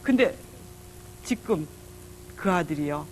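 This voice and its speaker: A middle-aged woman giving a public lecture on marriage and parenting, telling stories with lively acted-out dialogue. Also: low voice, takes it slowly, slight background noise. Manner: lively storytelling, acting out dialogue.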